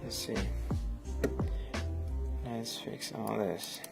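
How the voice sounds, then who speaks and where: Over loud music, a man with a fairly low, gravelly voice drags out his words with fairly even intonation. He speaks Spanish natively and has a Colombian accent, rambling in a friendly, filler-heavy way during a casual live stream where he edits photos and reads the chat aloud.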